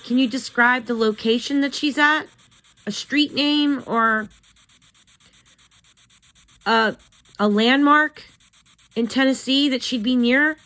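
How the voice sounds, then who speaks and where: A woman hosting a spirit box session, talking casually in a gentle, chatty, coaxing way as she asks questions. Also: high voice, slow, long pauses, low-quality recording.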